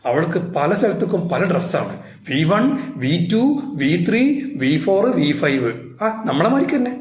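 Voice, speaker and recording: A man's voice: a little high, big pitch swings, normal speed. A man teaching a spoken English class, telling a story playfully and asking his students rhetorical questions. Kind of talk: storytelling grammar lesson. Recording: echoey room with faint noise.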